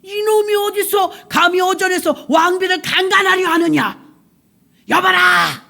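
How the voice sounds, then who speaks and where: A woman's voice: very high voice, unhurried, creaky, bright, forceful tone, pitched above the performer's own voice, full character voice. A woman preacher voicing an enraged ancient king who bellows royal orders. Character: furious ancient male king, commanding.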